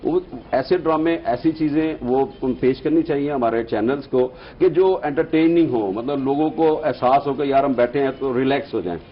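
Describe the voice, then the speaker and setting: A man's voice: mid-range voice, normal speed, hardly any pauses, dull audio. A man, a guest on a talk show, chatting casually and telling joking stories. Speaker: guest, event organizer.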